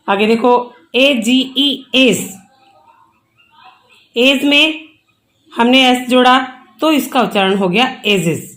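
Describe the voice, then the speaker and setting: A woman teacher explains English plurals patiently, spelling out each word letter by letter. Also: a little high. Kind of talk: online English grammar lesson.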